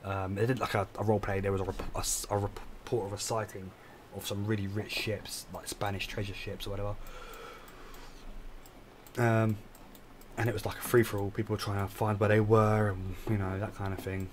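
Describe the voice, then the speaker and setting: Brief: low, flat-voiced man, tired streamer talking through his gameplay at a desk, faint hiss behind. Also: fairly quick. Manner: rambling, self-correcting, explains as he plays. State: tired, yawning. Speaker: game streamer. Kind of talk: casual live gameplay commentary.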